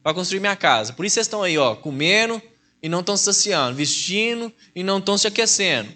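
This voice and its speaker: A folksy, plain-spoken God, quick and chiding as he scolds his people, put on by a Mineiro preacher. He has a bright, fairly high Mineiro voice and a brisk pace. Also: lively intonation. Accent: Mineiro Brazilian Portuguese.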